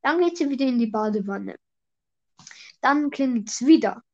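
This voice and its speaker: A woman's voice: on the high side, lively intonation, moderate pace. A woman hosting a casual podcast, telling jokes eagerly and explaining her punchlines, heard through a lo-fi mic with a slightly robotic echo. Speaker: podcast host. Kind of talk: casual joke-telling chat.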